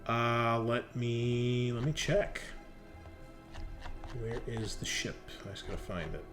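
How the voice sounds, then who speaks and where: With music playing behind him, a man acts as game master for a tabletop game, his medium-pitched voice slow and easygoing. He thinks aloud as he narrates and makes rulings, keeping things casual.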